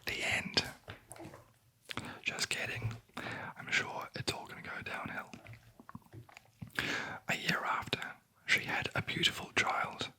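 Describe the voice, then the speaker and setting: A sleep story narrator whispering a fairy tale in a breathy ASMR voice, with dry, wry asides. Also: slow, long pauses, poor audio. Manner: wry, deadpan commenting on the story.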